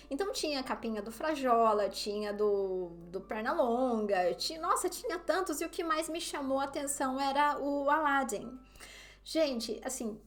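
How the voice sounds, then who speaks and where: A woman with a Brazilian Portuguese accent tells a story to her viewers in a loose, chatty way. Her voice sits a little on the high side. She keeps turning to her listeners directly as she talks. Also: a bit bright. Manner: chatty, often addresses listeners as "gente". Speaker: vlogger. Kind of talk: casual storytelling to camera.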